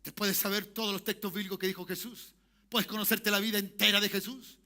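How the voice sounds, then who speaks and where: A man preaching a sermon as pastor, shifting from soft talk to shouted calls for amen. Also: high-pitched, flat delivery, a little fast. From Chile. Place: church sanctuary.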